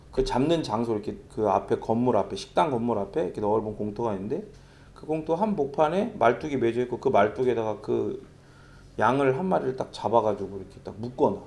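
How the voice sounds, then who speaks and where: Male pastor, middle-aged, sermon, gravelly voice, lively up-and-down pitch. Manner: conversational, storytelling with vivid sound imitations.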